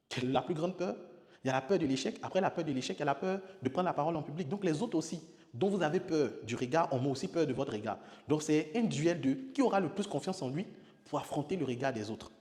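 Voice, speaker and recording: A man's voice: a little high, lively intonation, a little fast. A man, a public speaking coach teaching with emphatic repetition. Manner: emphatic, repeats key words, demonstrates with sudden loud exclamations. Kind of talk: spoken lesson on public speaking. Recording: long hall reverb.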